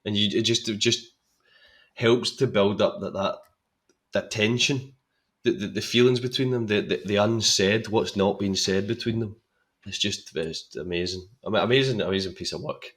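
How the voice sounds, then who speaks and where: A young man talks about a favourite film as a podcast guest, his voice sitting low. He is eager and chatty, stumbling over repeated words as he gathers his thoughts. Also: normal speed. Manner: enthusiastic, repeats words while thinking. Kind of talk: casual film chat.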